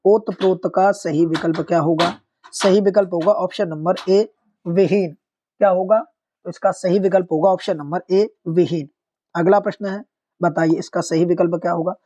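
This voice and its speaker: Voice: medium pitch, steady tone, moderate pace, mellow. A Hindi exam-prep teacher working methodically through practice questions, repeating each corrected word and speaking directly to students. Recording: dull lo-fi recording.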